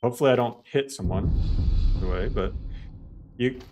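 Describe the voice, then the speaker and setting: Over music, a man speaks at medium pitch and a moderate pace during a game live stream. His talk with viewers is casual and full of "like," as he guides them step by step.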